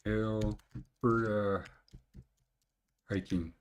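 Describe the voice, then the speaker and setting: This Canadian man in his sixties has a low-leaning voice, fairly even intonation, and a habit of drawing out his words. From a small home room, he hosts a relaxed mountain-conditions show, rambling over his shared screen and cracking blunt, crude jokes.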